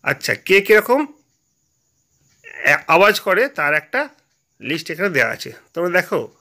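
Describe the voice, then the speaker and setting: Bright, gravelly male Bengali teacher. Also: high voice, big pitch swings, normal speed. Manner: patient, asks and answers his own questions. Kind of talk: explaining a primary-school English workbook.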